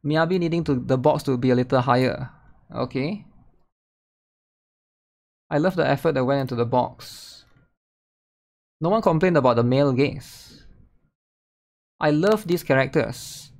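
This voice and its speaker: Speaking at medium pitch, unhurried and with long pauses, a young man reacts to a game trailer on his stream. He's indoors at a desk, the trailer's music sounding behind him, and his casual remarks are dotted with questioning tags like "right?" and "guys."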